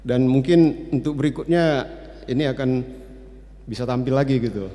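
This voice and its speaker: A man of about sixty giving church announcements in a relaxed, chatty way, with many hesitant fillers. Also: mid-range voice, moderate pace. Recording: long reverb of a church hall.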